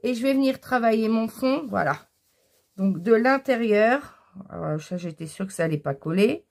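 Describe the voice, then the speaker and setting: A woman's voice: fairly high pitch, expressive, normal speed, darkish tone. A woman hosting a casual craft tutorial, explaining each step while she works, with frequent fillers. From France.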